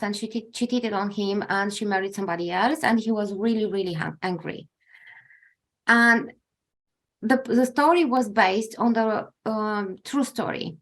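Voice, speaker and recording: A woman in her forties hosting a podcast interview, telling a story in a reflective, halting way as she searches for words. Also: on the high side. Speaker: podcast host.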